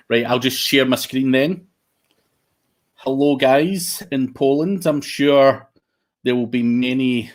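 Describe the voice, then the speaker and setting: A man's voice: mid-range voice, darkish tone. A man with a broad Scottish accent giving an informal online presentation in a blunt, plain-spoken way. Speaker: guest speaker, SEO consultant and trainer.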